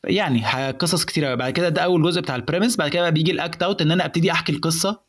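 A young man with an Egyptian accent, explaining in casual chat how to build a stand-up joke, animated and mixing in English words. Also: on the high side, very fast. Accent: Egyptian Arabic.

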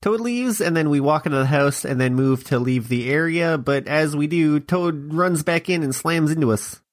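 A man narrating a game run with dry humor, his voice sitting a little higher than most men's. He tosses in deadpan asides as he describes the action. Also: normal speed. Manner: wry, joking asides. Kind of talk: comedic play-by-play narration.

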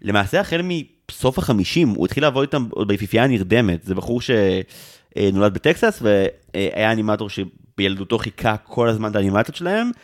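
A man in his thirties hosting a podcast, chatty and jokey, full of quick asides. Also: lowish voice, lively intonation. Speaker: podcast host. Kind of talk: casual podcast chat.

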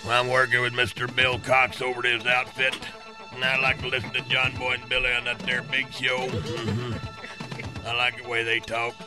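A man playing a dimwitted country caller who talks slowly over music. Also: mid-range voice, completely flat delivery, close to an everyday voice. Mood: goofy. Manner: slow, dopey, giggling.

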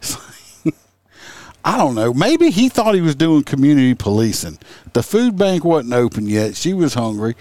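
A male podcast host tells stories in a loose, joking way and keeps acting out what people said. His pitch moves a lot, and the recording is dry and close. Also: sing-song, normal speed, a little mellow, dry recording. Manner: joking, laughing, acts out quotes. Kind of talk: casual comedic chat.

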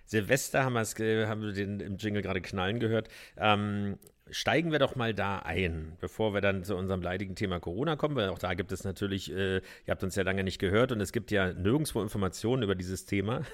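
A man's voice: on the low side, fast talker. A man co-hosting a podcast, chatting casually in a jokey, tongue-in-cheek way. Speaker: podcast co-host.

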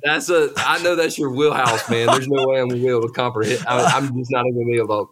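A man with a thick, deep Southern US accent, talking and preaching off the cuff in a down-home, self-deprecating way. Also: fairly even intonation, quick pace, crowd noise. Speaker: guest preacher and pastor. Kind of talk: casual chat and off-the-cuff preaching.

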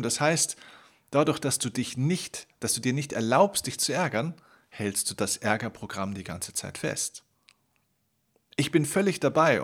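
A man hosting a self-help podcast, talking earnestly and directly to the listener as a coach. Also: mid-range voice. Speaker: podcast host. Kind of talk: motivational self-help monologue.

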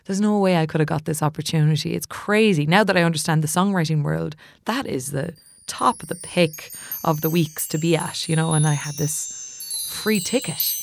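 A woman's voice: sits low, normal speed, creaky, a little hiss or hum. A woman with a West of Ireland accent telling a personal story casually and animatedly, acting out what people said. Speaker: musician and songwriting teacher.

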